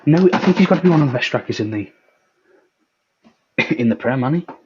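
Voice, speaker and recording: A man's voice: mid-range voice, expressive, a little fast, darkish tone, a little hiss or hum. A man chatting casually about football as co-host, joking and trailing off. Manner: laid-back, jokey, trails off. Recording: dull lo-fi stream mic.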